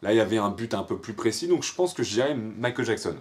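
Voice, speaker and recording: A man's voice: on the low side, animated, fast talker. A young man from France answering viewer questions in a casual, rambling way, full of fillers and slang. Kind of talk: casual FAQ monologue.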